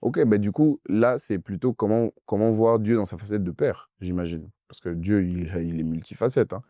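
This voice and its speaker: A man's voice: fairly low pitch, normal speed, warm tone, dry recording, studio quality. A young man preaching as pastor in a youth question-and-answer session, emphatic and insistent, repeating phrases straight at the listener.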